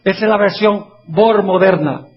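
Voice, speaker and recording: A man preaching a sermon in a husky voice. He slows down to read scripture and keeps turning to his listeners with questions. The recording sounds dull and lo-fi. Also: high-pitched, soft background music. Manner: asks the audience questions, reads scripture slowly.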